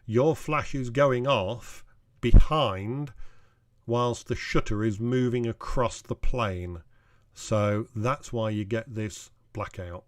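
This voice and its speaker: Slow, measured man explaining. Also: mid-range voice. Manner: plain, measured explaining with ums and restarts. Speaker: camera club president. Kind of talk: explaining photography to a club.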